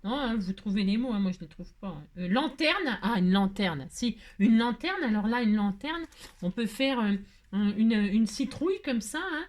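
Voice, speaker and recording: A woman's voice: a little high, expressive, normal speed, darkish tone. A French woman hosting a casual craft tutorial, talking hesitantly with lots of fillers and laughing at herself. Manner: chatty, hesitant, fills with "euh" and "hein". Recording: faint background noise and clicks.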